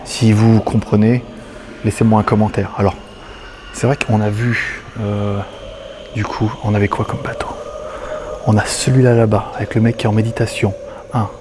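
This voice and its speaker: This time the exhibition vlogger sounds low-pitched and flat, speaking at normal speed with long pauses amid a noisy background. He's still chatty and loose, laughing and using fillers, filmed on a handheld stabilized camera.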